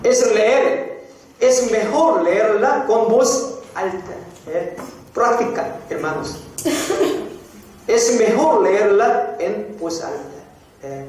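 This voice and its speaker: Male pastor, slow deliberate sermon, distant mic, heavy hall echo, faint background noise. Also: high voice, lively intonation, a little mellow. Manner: slow, repeats phrases, frequent "eh?" prompts to the congregation. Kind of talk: sermon teaching. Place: church hall. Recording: very echoey hall, from far off.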